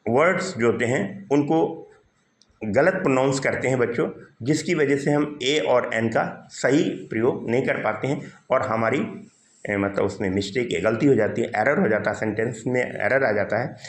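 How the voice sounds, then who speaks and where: A man's voice: medium pitch, moderate pace. A male English teacher giving a grammar lesson, explaining step by step and asking his students questions that he then answers himself. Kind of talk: classroom grammar lesson in Hindi. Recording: roomy echo.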